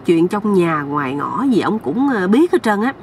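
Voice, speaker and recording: A woman's voice: on the low side, big pitch swings, moderate pace, darkish tone, far from the mic, a little hiss or hum. A woman with a Southern Vietnamese accent hosting her channel, telling a folksy comic story to viewers. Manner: chatty, folksy, addressing viewers.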